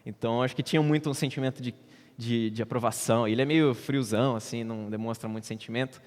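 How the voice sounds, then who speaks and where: A young man with a Brazilian Portuguese accent preaching in church, telling a personal story with animated swings in loudness. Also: medium pitch, fast. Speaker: presbyter preaching. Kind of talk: sermon illustration, personal story. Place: church sanctuary. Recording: church hall reverb.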